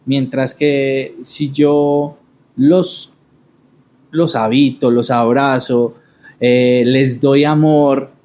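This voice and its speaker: A man's voice: mid-range voice, fairly even intonation, darkish tone. Thoughtful man. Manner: thoughtful, halting, repeats words while searching. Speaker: podcast host. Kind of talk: reflective conversation.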